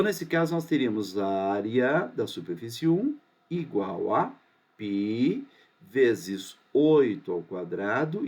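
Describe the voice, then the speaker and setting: A man's voice: mid-range voice, darkish tone, breathy edge. A man teaching a math lesson, patient and often checking that the students are following.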